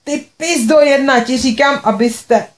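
A woman's voice: high-pitched, a little mellow, voice pushed up, natural voice. A woman voicing a rude, demanding young woman with a bossy, harsh manner.

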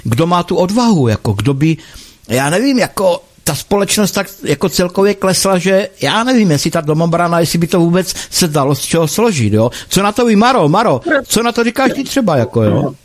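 A man on a panel chat who talks loudly and rambles, admitting he shouts. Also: high-pitched, very animated. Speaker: panel guest.

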